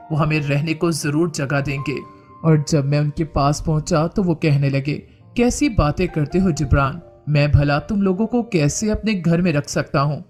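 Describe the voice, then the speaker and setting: A man reading a dramatic first-person family story aloud and speaking the characters' lines in his own voice. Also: on the high side. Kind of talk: scripted story narration.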